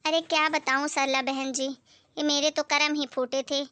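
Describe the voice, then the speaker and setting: A woman playing a sharp-tongued, complaining middle-aged mother-in-law in a comedy skit. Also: high voice, level tone, moderate pace, no room sound.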